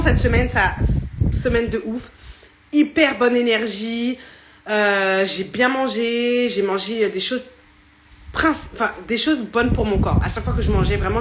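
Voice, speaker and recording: A woman's voice: a little high, background noise. Chatty woman live-streaming from her phone. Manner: chatty, laughs often, many fillers and restarts. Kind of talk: casual live stream chat. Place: indoors at home next to a fan. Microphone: phone camera.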